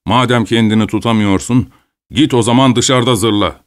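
A man voicing a coarse adult peasant son who speaks roughly and scornfully. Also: mid-range voice, fairly even intonation, normal speed, close to an everyday voice.

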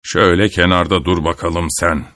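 A man voicing a stubborn, grumbling old village grandfather who mutters gruffly to himself in a storybook tale. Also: low voice, fairly even intonation, normal speed, bright, forceful tone, no room sound, clean studio sound, voice pushed down.

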